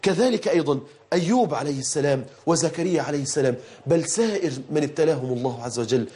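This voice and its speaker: A man with an Egyptian accent preaching a sermon in an impassioned way, repeating phrases, reciting scripture and shouting out prayers. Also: a little high, lively intonation, fast. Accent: Egyptian Arabic.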